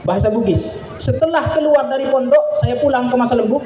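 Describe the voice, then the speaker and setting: A young man from Madura, Indonesia, preaches a sermon to a gathering in a very high, mellow voice at a brisk pace. He recites Arabic in a rising, declamatory style. Recorded with a distant mic in an echoey hall, the audio has slight background noise and a faint crowd in the ambience.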